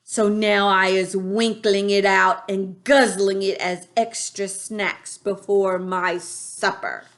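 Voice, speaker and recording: A woman reading a storybook aloud, voicing a greedy, brutish male giant who shouts and bullies in a slow, heavy voice. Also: medium pitch, steady tone. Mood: booming menace.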